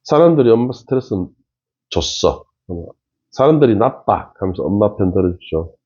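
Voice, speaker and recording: A man with a low, husky voice comments on a TV show in a casual way and speaks straight to his viewers. His pitch swings widely as he makes his points with emphasis. The recording sounds dull and lo-fi. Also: sing-song, normal speed, warm tone. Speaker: face-reading commentator.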